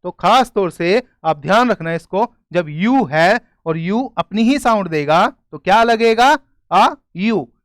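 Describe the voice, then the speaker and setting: Male tutor, high clear voice, dry close mic, explains slowly and checks understanding. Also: lively intonation, dry recording. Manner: explains step by step, often asks "clear?". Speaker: grammar teacher. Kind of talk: classroom-style video lesson.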